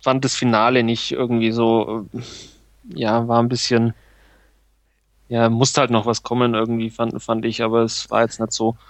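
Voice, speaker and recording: A man's voice: medium pitch, monotone, moderate pace, dry recording. A man co-hosting a casual film review chat, analytical and hesitant, with many fillers. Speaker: film podcast co-host.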